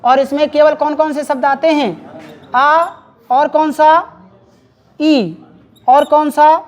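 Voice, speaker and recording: A woman's voice: sits high, fairly even intonation, slow. A woman teacher giving a Hindi grammar lecture in a classroom, repeatedly quizzing her students and having them call back answers.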